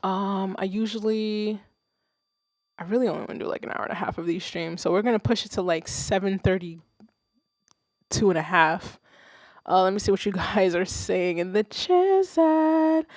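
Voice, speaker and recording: Reviewing submitted tracks on her stream, a young Haitian-accented woman gives loose, rambling opinions full of swearing and frequent laughter. She speaks at a moderate pace with a medium-pitched, darkish voice on a dry, studio-quality recording.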